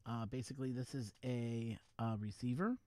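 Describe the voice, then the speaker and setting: A man hosts a casual live stream on a wireless USB microphone, rambling and chatting loosely with viewers while he fiddles with his gear. His warm, medium-pitched voice keeps a fairly even intonation at a moderate pace.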